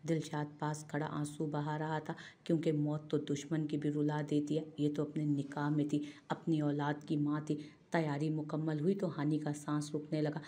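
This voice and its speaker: Low, solemn female storybook narrator. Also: completely flat delivery, moderate pace, mellow. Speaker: audiobook narrator.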